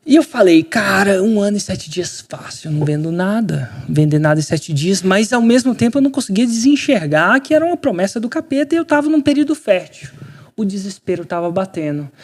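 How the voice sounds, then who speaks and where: Sitting high in pitch, a Brazilian man's voice carries a lively, slangy story he shares as a podcast guest, playing out each quoted line in relaxed conversation.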